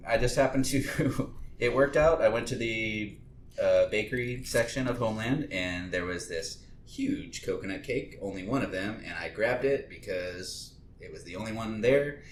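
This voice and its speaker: A man hosting a casual podcast, telling rambling, laid-back stories with the odd swear word. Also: moderate pace. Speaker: podcast host. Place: home kitchen studio. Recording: echoey room with faint rumble.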